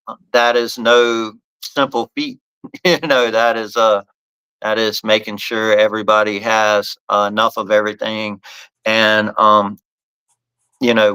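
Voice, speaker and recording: A man who hosts a casual live podcast and owns a bat company talks in loose, rambling runs, stumbling and restarting phrases. His voice is lowish, smooth and crisp, with a bright, forceful tone. The recording is rough but close and dry, with no echo.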